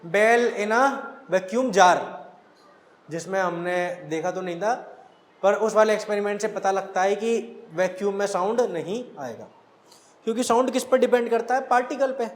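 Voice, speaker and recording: Male teacher, very high voice, echoey classroom sound, asks and answers his own questions. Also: moderate pace. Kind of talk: classroom lecture.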